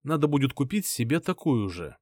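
A man's voice: brisk, dry recording, studio quality. A man narrating an audiobook, reading the story and voicing each character in turn. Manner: lively, voices each character with shifts in pitch.

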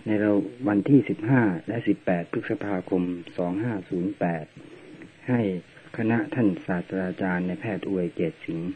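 A man's voice: sits low, normal speed. A man formally introducing a recorded sermon, played from an old worn tape. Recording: tinny worn tape with faint hiss.

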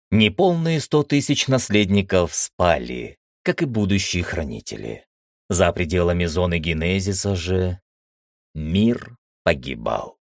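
A man narrates a fantasy audiobook in a deep, low voice. His delivery is expressive, with pitch that rises and falls freely through each sentence. The sound is close and dry, with no room echo.

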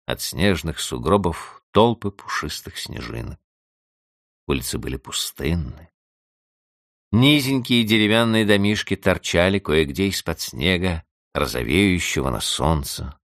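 A very deep, gravelly male voice reads a classic tale aloud, rising and falling dramatically through the narration. The sound is close and dry, with no room around it. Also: a little slow, dry recording. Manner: expressive, dramatic storytelling. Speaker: audiobook narrator. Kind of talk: classic story reading.

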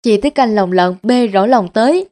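A middle-aged woman, reading a story aloud in a lively, colloquial manner. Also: on the high side, moderate pace.

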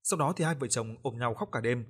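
A man's voice: mid-range voice, brisk, slightly rough. Man narrating a ghost story.

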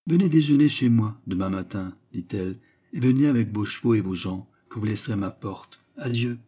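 A man reading aloud and voicing a proud, mysterious young woman who speaks gravely and solemnly. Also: fairly low pitch, lively intonation, brisk, dark tone. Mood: calm. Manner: grave and solemn, at times light.

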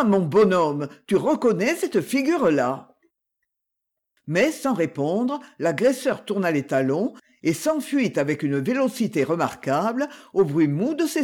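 Slow, husky literary narrator. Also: medium pitch, darkish tone. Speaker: audiobook narrator.

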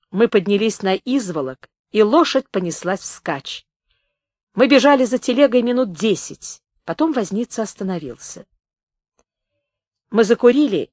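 Woman audiobook narrator, animated pitch, dry close studio sound. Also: dry recording. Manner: expressive, varied reading.

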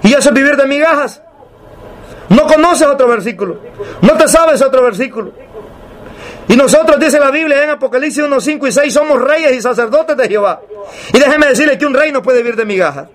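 A man preaching a sermon, emphatic and repetitive, asking rhetorical questions and slowing down to read scripture aloud. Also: very high voice, expressive.

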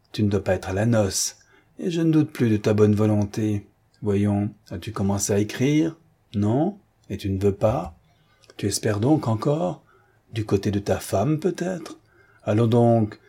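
A man's voice: mid-range voice, husky. A man reading an audiobook, voicing a cruel, mocking male gang chief who tortures a captive and taunts him. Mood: sneering. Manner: taunting, then furious and shouting.

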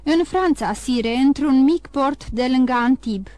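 A woman voices a frightened male minister of police, halting and pleading. His lines come in a slightly raised voice, recorded dry and close. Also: high-pitched, darkish tone, no room sound, natural voice. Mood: desperate.

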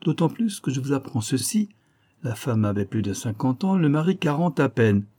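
A man's voice: medium pitch, big pitch swings, moderate pace, dark tone, pitched above the performer's own voice. A man reading a novel aloud, voicing a playful, lecturing male amateur detective who teases his young listeners. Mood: teasing. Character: clever, teasing older male amateur detective.

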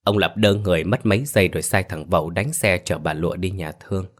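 A man with a deep, low voice narrates a scripted ghost story. His reading is steady and even, with no rush. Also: fast talker.

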